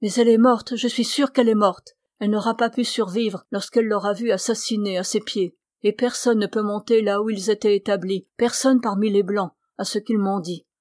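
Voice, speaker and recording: A woman's voice: medium pitch, fairly even intonation, normal speed, hardly any pauses, a little mellow, dry recording, studio quality, lightly acted. A woman voicing an emotional, fearless older mother who talks in a rush in a storybook reading. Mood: distressed. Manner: breathless, emotional.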